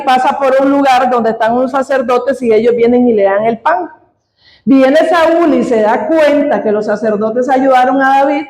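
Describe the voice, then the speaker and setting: In a church hall, a woman preacher delivers a sermon in an easygoing, conversational teaching style, often checking in with the congregation. Her voice is fairly high with a darkish tone, and the low-quality recording sounds roomy.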